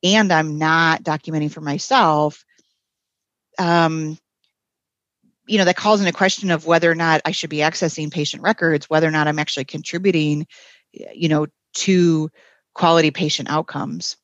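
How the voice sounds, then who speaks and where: A woman's voice: deep voice, fairly even intonation, moderate pace, no echo, dull audio. A woman, a guest on a podcast, explaining her points frankly with some fillers. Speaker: health system ethics executive, guest. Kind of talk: conversational interview answer.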